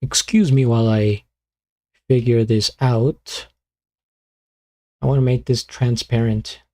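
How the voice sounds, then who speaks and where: A man streaming live, chatting casually and muttering to himself as he fiddles with his streaming software. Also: medium pitch, steady tone, slow pace. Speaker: beatbox streamer.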